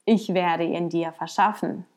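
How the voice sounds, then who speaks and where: A calm, sly old sage from a spoken folk tale, voiced by a woman. He explains things plainly and without hurry. His tone stays even and sure. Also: fairly low pitch, unhurried, lightly acted.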